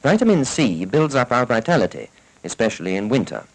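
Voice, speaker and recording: A British man narrates a public information film in the formal, instructive, scripted style of a 1940s educational film, heard on a vintage soundtrack. His medium-pitched voice swings widely in pitch and moves fairly quickly. The audio quality is poor.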